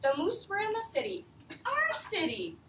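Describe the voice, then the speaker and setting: An elementary school teacher reads aloud to young children with an extremely high voice whose pitch swoops wildly, speaking at normal speed in a fairly bright tone. She explains simply and often asks them questions. The classroom echoes, the mic is distant, and there's faint noise.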